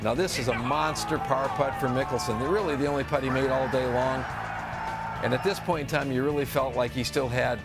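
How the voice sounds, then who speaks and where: A man's voice: mid-range voice, steady tone, brisk. A man speaking as a golf commentator and analyst, explaining play with music behind him. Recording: music bed under the voice.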